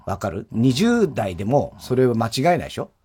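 A middle-aged man chatting casually as a radio host, answering sheepishly and filling in with quick agreeing sounds. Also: medium pitch, big pitch swings, dark tone, breathy edge. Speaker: comedy duo member, radio host. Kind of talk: casual banter.

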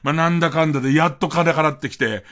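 A man's voice: on the high side, fast talker, fairly bright tone, soft background music. A man hosting a late-night radio show, rambling through a comic anecdote and acting out the dialogue. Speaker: radio host. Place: radio studio.

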